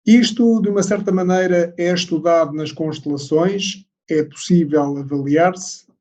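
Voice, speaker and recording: A man with a European Portuguese accent interviews a guest, his voice somewhat high. He halts and repeats words as he builds his question. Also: steady tone, darkish tone. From South Africa, then Portugal. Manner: halting, repeats words while asking.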